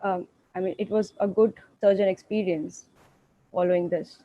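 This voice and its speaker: A woman's voice: lowish voice, steady tone, normal speed, no echo, highs cut off. A woman doctor presenting her study at an online conference and answering questions politely, often correcting herself. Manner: polite, deferential, frequent self-corrections.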